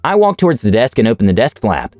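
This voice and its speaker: A man narrates online stories in an expressive, lively read with very animated pitch. His voice is close and dry, with faint music underneath. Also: quick pace, dry recording. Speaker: story narrator.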